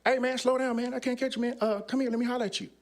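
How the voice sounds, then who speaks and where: A man's voice: sits high, animated, moderate pace, pitched above the performer's own voice. A man voicing a brash young male gang member who talks in loose street slang. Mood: cajoling. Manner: slangy, cajoling street talk.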